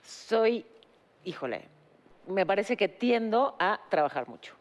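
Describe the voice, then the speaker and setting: A woman hosting a casual talk show chat, speaking in a measured way and listing things carefully. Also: medium pitch, very animated, long reverb tail. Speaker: host.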